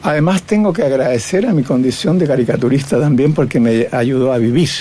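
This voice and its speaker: Reminiscing in an interview about his life as a cartoonist and painter, this older man from Chile talks a little fast in a warm, mid-range voice. He keeps tagging his phrases with "¿no?".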